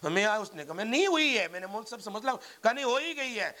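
A man, an Islamic scholar who teaches at a madrasa, giving a religious lecture on points of Islamic law. He tells cases as stories and acts out the quoted dialogue, with sudden swings in loudness, and recites Arabic sayings slowly and emphatically. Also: sits high, expressive.

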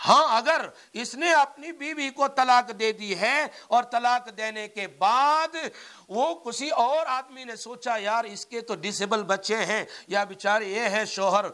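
A male Islamic scholar lecturing on religious law, his voice pitched unusually high and ringing bright. He tells cases as little stories and acts out both sides of the talk, suddenly getting louder or softer. Arabic sayings come out slow and weighty. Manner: acts out quoted dialogue in storytelling, with sudden swings in loudness. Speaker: Islamic scholar and madrasa teacher.

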